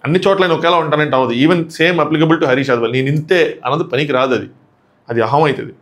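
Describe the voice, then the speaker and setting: Fast-talking guy recapping a reality show, slightly high voice, acts out what people said. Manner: animated retelling, acting out quoted exchanges. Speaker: show reviewer.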